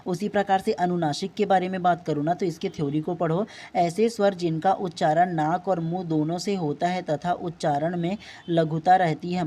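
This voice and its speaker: A man teaching an exam-prep lesson. He explains patiently, repeats points, and sounds out each vowel slowly. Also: sits high, a little mellow. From Chhattisgarh, India.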